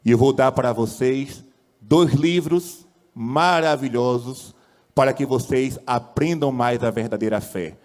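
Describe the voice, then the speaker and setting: Male priest, mid pitch, fiery sermon with big dynamic swings and call-and-response, long church reverb. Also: unhurried. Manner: impassioned preaching with wide swings in pitch and loudness, rhetorical questions; leads the congregation in call-and-response.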